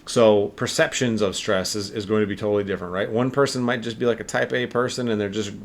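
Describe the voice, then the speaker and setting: Man, low voice, casual podcast co-host, rambling with fillers, faint background hiss. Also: steady tone, quick pace. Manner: rambling, filler-heavy explaining. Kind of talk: casual health podcast chat.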